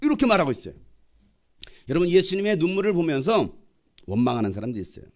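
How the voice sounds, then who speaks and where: A male pastor delivers a sermon with a lively, swooping delivery and a slightly high voice. He tells the story vividly and acts out its voices as he goes. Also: fast talker.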